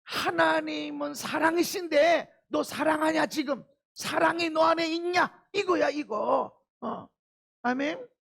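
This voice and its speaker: A man's voice: very high-pitched, unhurried, vocal fry, fairly bright tone. A man preaching a sermon as a pastor, emphatic, throwing out rhetorical questions and calls of amen. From South Korea. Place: church sanctuary.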